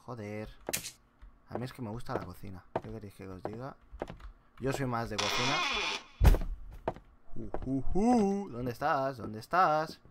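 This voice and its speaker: A man's voice: medium pitch, animated, measured pace, pauses often, heavy background noise. A man with a Spanish accent from Spain, commenting on a horror game as he plays it, scared, muttering and yelping. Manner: jumpy, scared and muttering, with sudden yelps. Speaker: gameplay youtuber.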